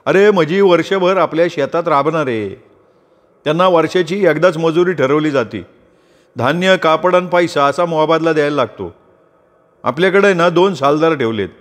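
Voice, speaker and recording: A man voicing a loud, generous country farmer in an audio storybook, hearty and bursting with enthusiasm. His voice sits raised and rings with a long reverb. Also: fairly high pitch, moderate pace, pitched above the performer's own voice, close to an everyday voice. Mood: explaining. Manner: loud, hearty rural talk. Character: boisterous, generous middle-aged farmer, former convict.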